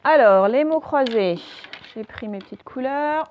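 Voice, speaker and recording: Slow, clear-spoken woman teaching phonics. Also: high-pitched, expressive, highs cut off. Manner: slow, sounds out words clearly and stresses the target sounds. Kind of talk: recorded phonics lesson for young children.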